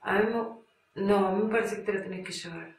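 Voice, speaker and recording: A woman's voice: mid-range voice, a little fast, roomy sound, distant mic, lightly acted, low-quality recording. An actress with an Argentine Spanish accent playing an abandoned woman who pleads with her former lover over the phone, answering a caller no one else hears. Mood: hushed, pleading. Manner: speaks to an unheard caller, breaks into screams and sobs. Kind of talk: stage monologue on the phone.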